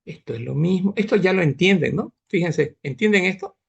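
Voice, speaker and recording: Gravelly, husky male medical lecturer. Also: sits high, expressive, fairly quick, lo-fi sound. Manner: explains step by step, asks students if they follow. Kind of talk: online class lecture.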